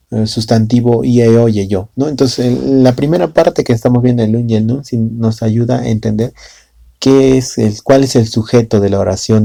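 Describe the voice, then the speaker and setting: A man's voice: mid-range voice, creaky, warm tone, no echo, clean studio sound. A man teaching a language lesson in a casual way in Spanish with a Latin American accent, often adding tag questions and fillers.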